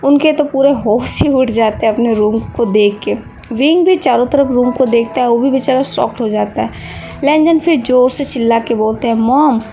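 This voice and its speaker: Woman narrating a story, mellow voice. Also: a little high, normal speed. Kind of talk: reading fan fiction aloud.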